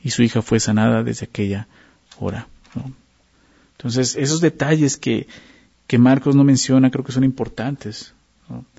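Gravelly-voiced man teaching scripture. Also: medium pitch, moderate pace, long pauses, warm tone. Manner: conversational, asks listeners to follow along. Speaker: Bible teacher. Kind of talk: Bible study sermon. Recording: dull lo-fi recording.

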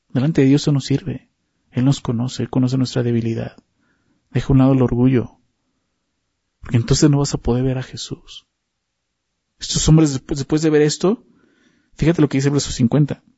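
Gravelly-voiced man preaching a Bible study. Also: medium pitch, warm tone, dry recording, highs cut off. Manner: conversational, asks frequent rhetorical questions; repeats words and restarts often.

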